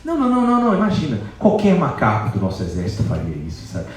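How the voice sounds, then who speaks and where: A man's voice: low-pitched, sing-song, quick pace, a little mellow, pitched below the performer's own voice. A man voicing Hanuman, a humble, devoted monkey hero who speaks modestly and respectfully. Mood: embarrassed. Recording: echoey hall from far off.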